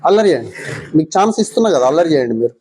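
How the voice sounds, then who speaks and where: A woman's voice: deep voice, very animated, rapid-fire, mellow, breathy edge. A woman with a Telangana Telugu accent teaching young schoolchildren in a classroom, coaxing them with many short questions. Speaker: visiting mindfulness teacher.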